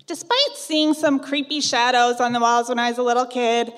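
High-voiced woman telling a personal ghost story. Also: moderate pace, fairly bright tone, in a large hall. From Iowa. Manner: wry, conversational, self-teasing.

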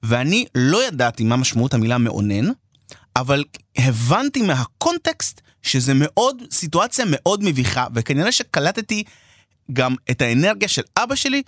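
A man, co-hosting a casual chat and telling animated stories. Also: mid-range voice, no room sound, clean studio sound. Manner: animated storyteller, quotes people in raised voices. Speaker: podcast co-host.

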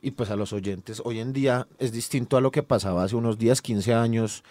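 A man on a sports talk show lays out explanations and drops casual slang as he talks. His voice is warm and dark in tone, and it is recorded dry and close. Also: mid-range voice, moderate pace, no echo. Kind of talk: casual football debate.

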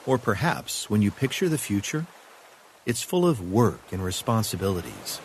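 Calm, meditative low-voiced man with lively intonation. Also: background noise. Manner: calm, meditative, unhurried pauses. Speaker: devotional host leading prayer and meditation.

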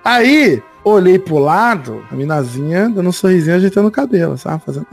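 A man's voice: high voice, animated, a little fast, creaky, slightly rough, soft background music. A man co-hosting a podcast, telling a self-mocking, laughing story in casual chat. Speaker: podcast co-host.

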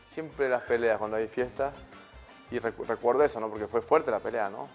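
Guy with a peruvian accent chatting easy and slangy, middle pitch, bit of music in the back. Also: normal speed. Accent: Peruvian Spanish. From Peru. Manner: relaxed, frequent tag questions, slangy. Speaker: guest, former footballer. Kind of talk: casual interview storytelling.

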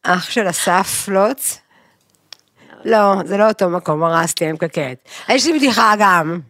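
A woman co-hosting a podcast, talking frankly in casual chat, mocking herself and launching into animated rants. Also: medium pitch, no echo, studio quality. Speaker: podcast co-host. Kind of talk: candid conversational podcast chat.

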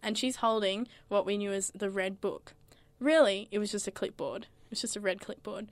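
A woman's voice: mid-range voice, moderate pace, dry recording. Young woman, chatty podcast co-host, laughs a lot, dry close mic. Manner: chatty storyteller who laughs often. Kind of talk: casual chat.

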